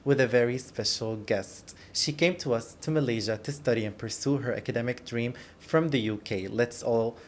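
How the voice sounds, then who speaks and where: A man hosts a casual podcast interview, friendly and led by questions, his voice sitting at an average pitch. A faint wash of background noise runs under the studio talk. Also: normal speed, few pauses. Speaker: podcast host.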